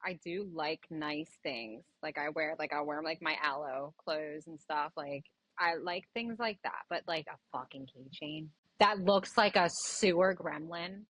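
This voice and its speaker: Podcast guest: blunt New woman, lower voice, dry close sound. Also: measured pace, hardly any pauses, no echo, poor audio. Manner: blunt, animated, swears freely. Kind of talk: casual chat.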